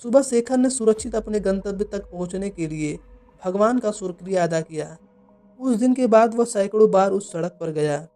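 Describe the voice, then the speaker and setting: A narrator reading a scripted horror story in an even, measured way. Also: medium pitch. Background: faint music.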